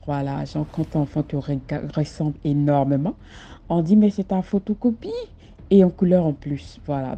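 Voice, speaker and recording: A woman's voice: low-pitched, mellow, slightly rough. A woman telling her own story in the first person, emphatic and fond of repeating herself for effect, on a dull lo-fi recording. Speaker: caller sharing a personal story.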